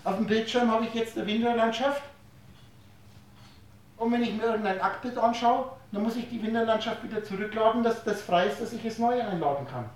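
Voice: medium pitch, a little fast. A lecturer giving a spiritual talk to a live audience, posing rhetorical questions and playing with words, explaining through everyday analogies. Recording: very echoey room, voice distant from mic.

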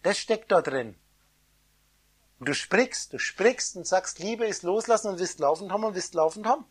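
A woman giving an esoteric sermon, preaching in the first person as God, her loudness swinging between soft and loud. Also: mid-range voice, animated, normal speed, husky. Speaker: spiritual teacher.

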